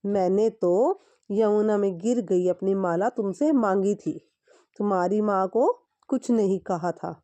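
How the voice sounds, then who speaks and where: Woman reading irritable male emperor, quick to take offense, mellow voice, storybook. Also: medium pitch, lightly acted. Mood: backpedaling. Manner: indignant, then backpedaling.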